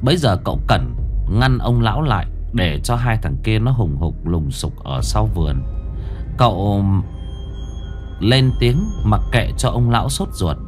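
Một người đàn ông kể truyện ma, giọng kể sinh động và kịch tính. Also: male voice, fairly low pitch, very animated, unhurried, faint music behind. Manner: dramatic, vivid. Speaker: storyteller. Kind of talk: ghost story narration.

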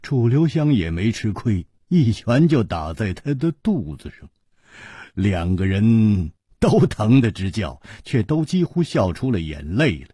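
A man's voice: unhurried, breathy edge, no echo. A man telling a martial-arts tale in traditional storytelling style, with dramatic delivery into a close mic. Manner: dramatic, highly expressive delivery.

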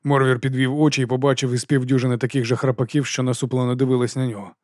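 Man, audiobook narrator, measured expressive reading, dry close recording. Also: mid-range voice, no room sound. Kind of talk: scripted narration.

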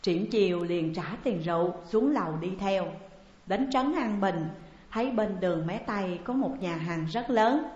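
A woman narrating a classic novel as an audiobook in a steady storytelling voice. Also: mid-range voice, normal speed. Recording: dull echoey recording, long reverb.

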